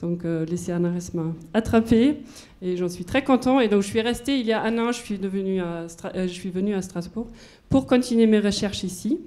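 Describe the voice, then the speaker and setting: German-accented woman in her forties presenting research at a lecture hall mic; mellow, relaxed timbre, mid pitch. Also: fairly quick. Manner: moves about while speaking, explains with everyday examples. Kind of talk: conference talk to an audience. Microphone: handheld microphone.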